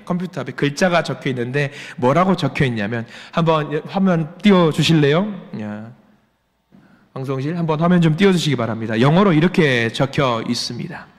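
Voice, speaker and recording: A male pastor in his forties preaching a sermon, repeating rhetorical questions with emphasis. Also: fairly high pitch. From Jeolla region, Korea. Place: church sanctuary. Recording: long church hall reverb.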